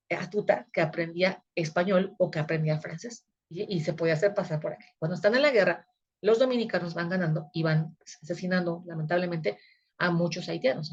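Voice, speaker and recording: A woman's voice: fairly low pitch, a little mellow, highs cut off. A woman, teaching a recorded video lecture in a conversational way that often checks her listeners are following. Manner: conversational, frequent checking tags.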